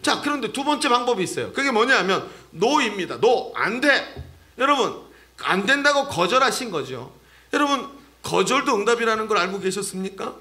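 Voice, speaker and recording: A man's voice: high-pitched, big pitch swings, moderate pace, bright, forceful tone. A male pastor preaching a sermon in a church, talking animatedly and addressing the congregation directly.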